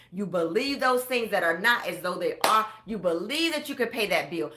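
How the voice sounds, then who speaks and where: A middle-aged woman coaching listeners on their spending, with a fairly high voice. Her tone is bright and forceful, preachy and exuberant. She swings from hushed tones to loud cheers. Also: a little hiss or hum. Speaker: budget coach. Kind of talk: motivational coaching talk.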